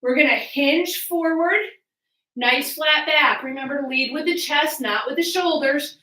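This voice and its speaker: A woman's voice: sits high, measured pace, bright, forceful tone. A woman fitness coach leading a workout, giving encouraging cues, instructions and countdowns. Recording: roomy echo, distant from mic.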